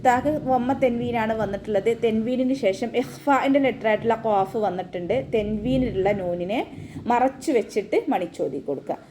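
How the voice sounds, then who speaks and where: A woman's voice: on the high side, normal speed, mellow, a little hiss or hum. A woman teaching an online recitation class, explaining pronunciation rules step by step in a patient voice.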